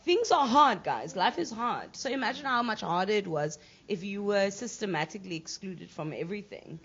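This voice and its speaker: A woman's voice: mid-range voice, lively intonation, moderate pace, fairly bright tone, husky, muffled recording. A woman in her thirties speaking candidly as an artist on a panel, laughing lightly after serious points. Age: 30s. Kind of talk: panel discussion answer.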